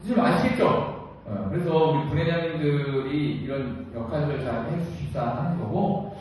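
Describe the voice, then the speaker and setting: Lively woman lecturing in an echoey hall. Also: low-pitched, moderate pace. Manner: lively, asks the audience questions and acts out quotes. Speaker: union training lecturer. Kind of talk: training lecture to union branch leaders. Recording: echoey hall, distant mic, dull sound, faint noise.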